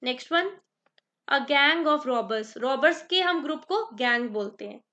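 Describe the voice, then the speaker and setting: Woman tutor, high voice, dictates examples slowly, quizzes the class. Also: animated, bright, forceful tone, dull audio. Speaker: exam prep teacher. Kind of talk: grammar lesson in Hindi-English mix.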